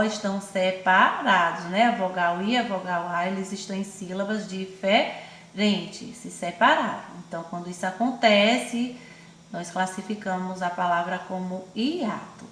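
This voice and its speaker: A woman with a Brazilian accent teaching young children in an online class, speaking affectionately and stretching words out slowly syllable by syllable. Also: mid-range voice, a bit bright, roomy sound. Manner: affectionate, calls pupils "my loves" and herself "auntie". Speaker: primary school teacher.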